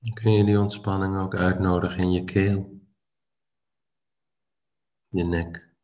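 A man leading a guided body-scan meditation as a teacher, calm and unhurried, speaking in short phrases with pauses between them. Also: low-pitched.

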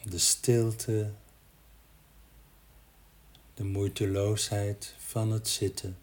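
Male guide for body-scan relaxation. Lowish pitch, very unhurried delivery, gentle, spacious pauses. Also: level tone. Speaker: meditation guide.

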